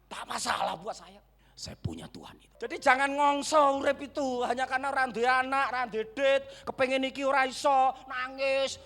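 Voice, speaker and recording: A man with a Javanese accent preaches in church with a high, bright, ringing voice. He swings from shouts to hushed whispers and speaks straight to the congregation, while soft music plays faintly behind him. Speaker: pastor. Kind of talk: sermon.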